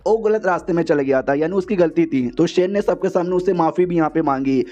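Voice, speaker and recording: A male narrator rambles through a casual, slangy story recap, padding his sentences with filler words. His voice sits a little high and sounds mellow. The recording is dull and lo-fi. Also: a little fast.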